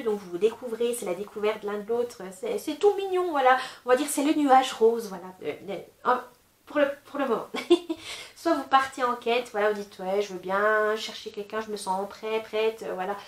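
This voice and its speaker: Woman tarot reader, casual and chatty, slightly high voice, roomy echo. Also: normal speed. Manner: chatty, many fillers like "voilà" and "euh"; gentle advising tone.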